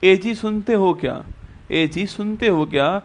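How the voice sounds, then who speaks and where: A man's voice: high voice, unhurried. A male teacher voicing a wife who sweetly and repeatedly asks her husband for a favor. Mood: coaxing. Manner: affectionate, singsong repetition.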